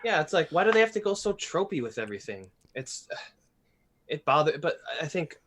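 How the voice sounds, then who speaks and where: A man hosting a podcast in casual chat, animated and blunt, swearing freely. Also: on the high side, fairly quick, a little hiss or hum. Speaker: podcast host.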